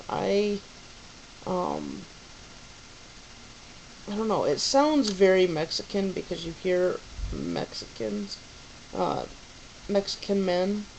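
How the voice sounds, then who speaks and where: A woman's voice: mid-range voice, creaky, darkish tone, a little hiss or hum, poor audio. A young woman vlogging about baby names in a rambling, casual way, full of fillers and restarts.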